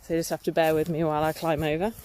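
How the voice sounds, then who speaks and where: A woman's voice: deep voice, flat delivery, racing, noisy background. Chatty woman, slightly out of breath. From England. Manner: chatty, giggly, lots of ums. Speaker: smallholding vlogger. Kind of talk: casual vlog to camera. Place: outdoor field on a farm.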